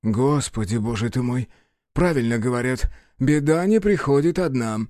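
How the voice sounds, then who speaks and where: A man's voice: mid-range voice, moderate pace, a little mellow, no room sound, clean studio sound, lightly acted. A man voicing a fussy, ceremonious middle-aged town official who talks politely and pleads. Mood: fussy, pleading.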